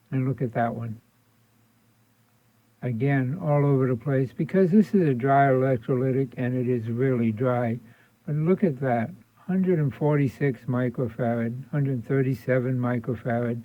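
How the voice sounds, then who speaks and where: An electronics repair instructor speaks unhurriedly in a medium-pitched voice, pausing often. Working at an indoor workbench, he thinks aloud and repeats his points in a casual hands-on tutorial, captured with thin, phone-like sound.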